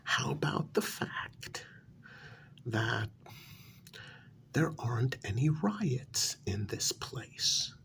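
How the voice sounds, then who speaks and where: A man, heavily acting and very animated, voices a frustrated psychiatric patient under the delusion that he created his world, in a soft-spoken ASMR role-play. He is breathy, often whispers, and poses halting, pointed questions in a mid-range voice. His tone is insistent and incredulous.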